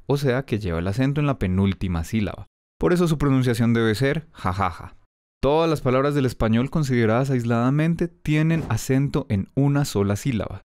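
A man's voice: medium pitch, a little mellow, no room sound, clean studio sound. Wry man narrating a language explainer. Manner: playful, wry delivery with mock questions.

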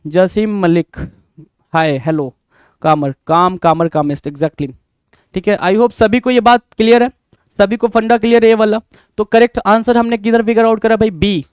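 Here a high, clear and resonant voice belongs to a young Indian man leading an online exam-prep grammar class live, at a moderate pace. Students are "bhai" to him; he repeats himself, asks rhetorical questions, and responds to chat messages by name. No echo, studio-quality sound.

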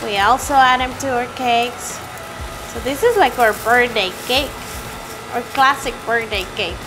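A woman's voice: on the high side, a little slow, music in the background, poor audio. A woman who works at a bakery, showing a visitor around and listing the treats in a friendly way. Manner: friendly, lists the products plainly. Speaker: bakery staff member giving a tour. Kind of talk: casual explaining to a visitor. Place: indoor bakery.

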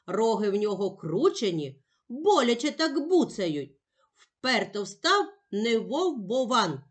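A woman teaching young children in a patient, emphatic way, sounding out each letter slowly. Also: fairly high pitch, very animated. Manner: patient, sing-song and emphatic, spelling out sounds one by one. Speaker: primary school teacher. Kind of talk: slow, clear classroom instruction for young children.

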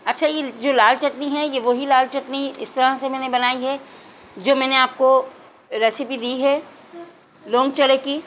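A woman hosting a home cooking channel, explaining each step calmly to her viewers. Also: high voice, slight background noise, low-quality recording. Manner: addresses viewers as "nazreen" again and again, calm instructive. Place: home kitchen.

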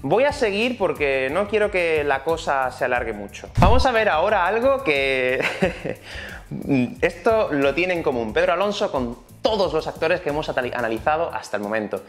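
A man's voice: fairly high pitch, sing-song, normal speed, soft background music. A man with a Spain Spanish accent teaching an online Spanish lesson in a chatty, explanatory way. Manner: chatty, explanatory, many fillers.

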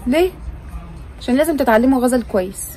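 A woman's voice: high-pitched, lively intonation, fast talker, mellow, a little hiss or hum. An Egyptian woman, a mother vlogging with her family, talking in a coaxing, insistent way. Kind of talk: casual family vlog chat.

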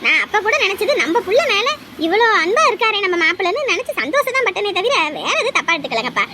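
A woman's voice: very high voice, big pitch swings, fast. A woman playing a fussy, talkative mother. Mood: fussing. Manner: fussing, talkative, warm-hearted. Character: fussy, caring middle-aged mother. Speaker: mother visiting her pregnant daughter. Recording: noisy background.

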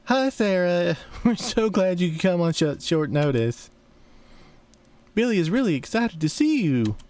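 A man voicing an adult mother who hires a babysitter, in a high strained falsetto while reading game dialogue aloud. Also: sing-song, a little slow, a little mellow, no room sound. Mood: polite.

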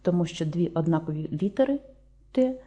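A woman with a Ukrainian accent giving a slow, deliberate lesson, spelling out sounds one by one. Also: lowish voice, lively intonation, warm tone. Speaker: teacher.

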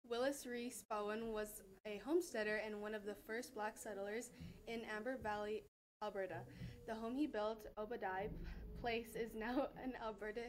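A woman's voice: on the high side, steady tone, normal speed, slight background noise, poor audio. Teen girl on school announcements. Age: teens. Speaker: student announcer. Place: small school broadcast studio.

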